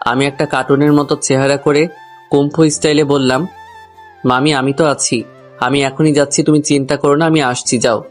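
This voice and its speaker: As narrator and central character, a man shares a comic first-person love story while soft music plays underneath. His medium-pitched voice holds a level tone and a fairly contained range at a moderate pace. He sounds grumbling and confiding, speaking straight to the listener.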